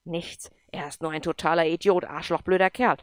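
A woman voicing an angry, hot-tempered young man who shouts insults in a storybook reading. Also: lowish voice, steady tone, very slow, clean tone, dry recording, clean studio sound. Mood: sullen.

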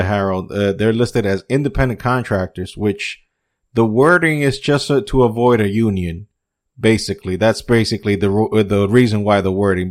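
A man hosting a casual wrestling podcast, ranting with lots of swearing and some words. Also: on the low side. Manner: profane, animated ranting. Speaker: podcast host.

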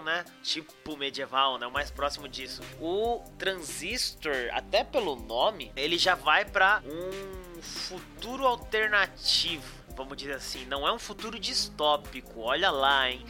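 A man's voice: fairly high pitch, expressive, unhurried, hardly any pauses, pushed and bright, faint music behind. A Brazilian man hosting a podcast in an informal, enthusiastic, slangy chat style. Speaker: podcast host. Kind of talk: casual chat, animated podcast introduction and discussion.

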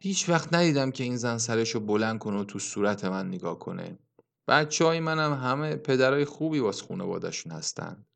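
A man reading an audiobook, voicing a gloomy old village grandfather in a low, hushed, brooding tone. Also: lively intonation, creaky. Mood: bitter.

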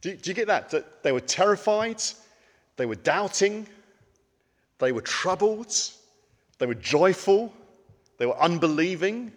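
A man's voice: high-pitched, sing-song, unhurried, long pauses, big-room sound. A man giving a conversational sermon, with frequent ums and rhetorical questions. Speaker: preacher.

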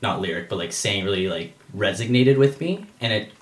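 A man's voice: on the low side, expressive, a little fast. A young man in his early twenties, a musician guest chatting casually in a rambling way full of fillers. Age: young adult. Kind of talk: casual chat. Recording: echoey room.

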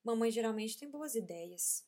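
A woman's voice: on the high side, lively intonation, normal speed, warm tone. A woman doing a little boy in a bedtime story. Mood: sad. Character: upset little boy, sulky then cheerful.

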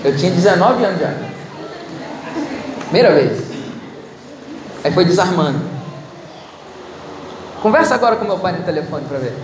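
A man preaching a sermon, telling humorous personal stories and talking straight to the audience in an animated way. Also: sits high, moderate pace, pauses often. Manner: animated, humorous anecdotes, addresses audience directly. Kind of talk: storytelling sermon. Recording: echoey hall with loud ambient noise.

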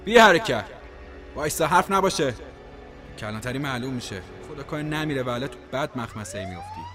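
Stern cop, wildly varied pitch acted by a man. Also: wildly swooping pitch, music in the background. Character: stern, curt male police officer. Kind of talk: dramatic audio drama acting.

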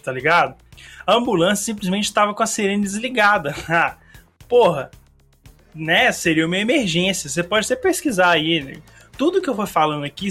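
A slightly hoarse man hosts a casual solo podcast. He rambles in a slangy, chatty way, his voice sitting a little high. A song plays faintly in the background. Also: bright, forceful tone. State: a bit hoarse. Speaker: podcast host. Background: faint song playing.

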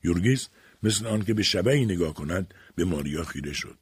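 A man reading an audiobook in measured, dramatic scripted narration. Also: sits low, animated, husky, no echo, clean studio sound.

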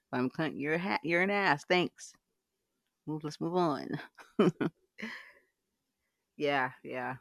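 A woman's voice: sits low, lively intonation, drawn-out words, gravelly, pauses often, no echo. A woman hosting a casual live audio chat, frank and swearing freely, laughing often. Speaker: livecast host.

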